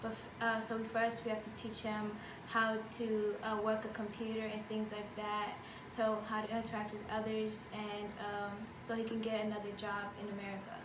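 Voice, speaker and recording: A young woman who grew up in Tanzania, answering interview questions in a soft-spoken, hesitant way. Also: mid-range voice, completely flat delivery, moderate pace, hardly any pauses. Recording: echoey room, distant mic, noisy.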